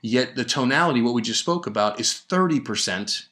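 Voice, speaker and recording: A man talks straight into a podcast microphone, coaching salespeople in an emphatic, energetic way. His voice sits at an ordinary middle pitch. He often restarts his sentences and throws out rhetorical questions. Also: fairly quick. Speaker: podcast host and sales trainer. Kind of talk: solo podcast coaching talk. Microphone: studio microphone.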